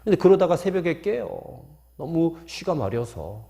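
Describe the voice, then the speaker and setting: A man's voice: fairly high pitch, very animated, measured pace, vocal fry, dark tone. A man preaching a sermon as pastor, telling folksy stories and posing rhetorical questions to the congregation. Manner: folksy storytelling with anecdotes.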